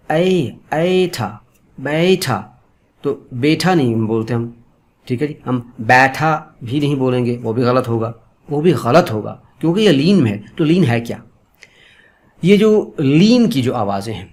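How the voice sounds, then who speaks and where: A man's voice: mid-range voice, a little mellow. Man teaching pronunciation, repeating sounds. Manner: explains patiently, repeating example sounds slowly; addresses viewers politely as friends. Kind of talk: online pronunciation lesson.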